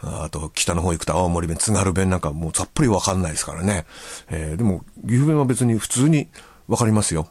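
A man's voice: deep voice, brisk, a little mellow, slightly rough, no room sound. A male radio host chatting casually and reading listener letters, with a chatty, easygoing manner and frequent filler words.

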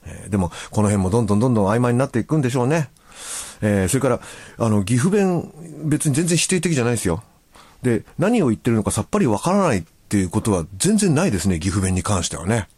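A man's voice: mid-range voice, big pitch swings, fast talker, a little mellow, breathy edge, no echo. A male radio host chatting casually and reading listener letters, with a chatty, easygoing manner and frequent filler words.

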